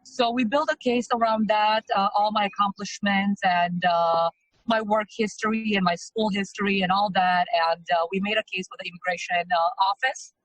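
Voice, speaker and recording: A Romanian-born woman in her thirties speaks as an interview guest in a casual testimonial, loose and chatty with frequent hesitations. Her medium-pitched voice holds a steady tone at a moderate pace, captured in a low-quality recording without echo.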